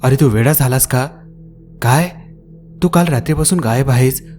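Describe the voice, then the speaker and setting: A man voicing a worried male friend who shouts warnings urgently over the phone. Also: medium pitch, moderate pace, soft background music, natural voice. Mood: alarmed.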